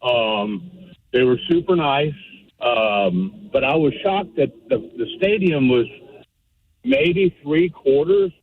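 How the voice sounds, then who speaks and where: A man calling in to a talk show from his car on speakerphone, talking casually with halting starts. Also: mid-range voice, expressive. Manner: halting, restarts often. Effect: phone on speaker in a car. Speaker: caller. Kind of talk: casual call-in chat. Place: driving in a car. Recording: tinny speakerphone line.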